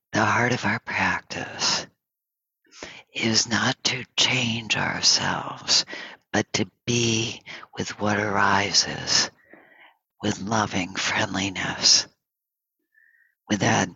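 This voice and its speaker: Male meditation teacher, breathy half-whisper with a bright tone, dry close sound, slow pauses between phrases. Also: lowish voice, no echo, dull audio. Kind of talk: gentle guided dharma talk. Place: home, over an online session.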